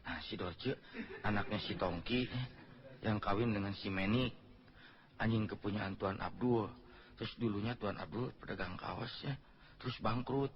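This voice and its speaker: A man's voice: fairly low pitch, normal speed, muffled recording. A Sundanese man in a comedy sketch, playing a hesitant, rambling simpleton. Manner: dim-witted, rambling, hesitant.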